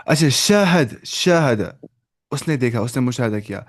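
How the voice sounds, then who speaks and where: A man's voice: medium pitch, lively intonation. Man teaching, drilling phrases over and over. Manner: drills phrases, repeats and prompts the student. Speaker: Arabic teacher. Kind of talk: online language lesson.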